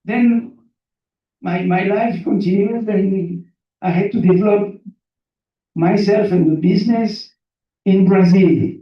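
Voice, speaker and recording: His voice sits high, and he talks slowly with frequent pauses: a seminar guest speaker from Belgium, born in Burundi, whose native French gives him a French accent. Telling his life story as a motivational talk, he sticks to simple English, repeats phrases for emphasis and puts questions to listeners. The mic is distant and muffled in a very echoey room.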